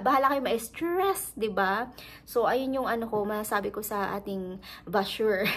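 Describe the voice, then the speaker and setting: A woman's voice: on the high side, fairly bright tone. A woman from the Philippines chatting casually to her viewers in a vlog, laughing often and mixing English words into her talk. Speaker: vlogger.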